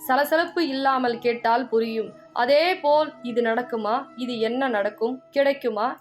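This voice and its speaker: High-voiced woman giving devotional counsel. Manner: earnest, scolding and pleading, addresses listener as dear child. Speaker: devotional speaker. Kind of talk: devotional message in the goddess's voice.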